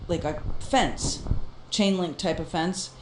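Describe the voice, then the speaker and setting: A woman co-hosting a casual chat, telling a story in an animated way and laughing often. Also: fairly low pitch, slow, reverberant, background noise. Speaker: podcast co-host.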